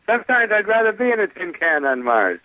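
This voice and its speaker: A man calling in as a guest astrologer on a radio show, his voice tinny and metallic, talking hesitantly with many pauses. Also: high-pitched, very animated, no echo. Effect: tinny, metallic phone-line sound. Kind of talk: casual phone conversation. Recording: dull, tinny phone line.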